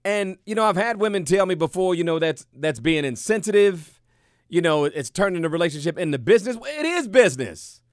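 A middle-aged man hosting a radio talk show, speaking in a lively, conversational way and repeating his points for emphasis. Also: high voice, brisk, dry recording, clean studio sound. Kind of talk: casual radio talk monologue. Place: radio studio.

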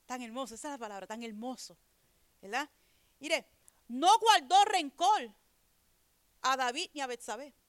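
A woman's voice: very high voice, a bit bright, no echo, studio quality. A woman preaching a sermon in a conversational way, often checking in with her listeners and reading scripture aloud before explaining it. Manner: conversational preaching, repeatedly asks "¿verdad?".

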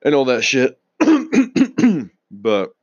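A young man casually rambling on his own show, restarting sentences, swearing now and then and clearing his throat a lot, sounding tired. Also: mid-range voice, huge pitch swings, extremely slow, darkish tone, no room sound, dull audio. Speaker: auto news vlogger.

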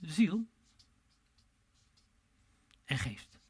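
A man preaches with passion. He swings from loud, emphatic calls to hushed, low asides, and he draws out his words slowly when he quotes scripture. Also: big pitch swings, husky. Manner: drawn-out pleading delivery when quoting scripture. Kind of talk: sermon.

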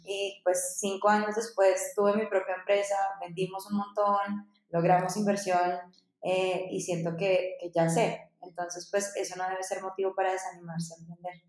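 This Colombian woman, a startup founder guesting on a podcast, recounts her story casually and chattily, leaning on many fillers. She speaks at medium pitch with little pitch movement, a moderate pace, and a darkish tone, and the room echoes.

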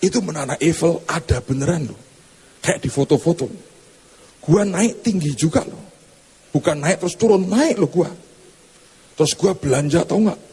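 A man's voice: on the high side, animated, normal speed, vocal fry, long pauses, dark tone, breathy edge, voice pushed up, full character voice. A man voicing a boastful rich woman churchgoer who brags chattily about her shopping trip. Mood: bragging. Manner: showy, name-dropping, chatty boasting. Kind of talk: comic sermon anecdote.

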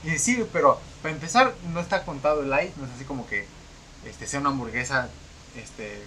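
Mexican man, podcast host, bright forceful voice, slangy anecdotes, faint noise behind. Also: mid-range voice, brisk. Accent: Mexican Spanish. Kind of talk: casual chat.

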